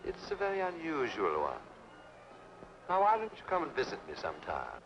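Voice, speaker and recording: An actor playing an older sea captain who doubles as a carnival barker, with a smooth, courtly manner. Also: male voice, huge pitch swings, moderate pace, soft background music. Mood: genial. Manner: smooth, courtly, then booming showman pitch. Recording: dull 1960s film soundtrack.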